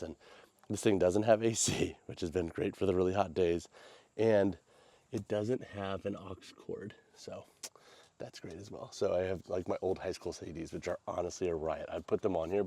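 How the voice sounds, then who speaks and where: Low-pitched and warm, with no room sound, this American man's congested, nasal voice carries a casual vlog chat. He rambles in an informal, slangy way.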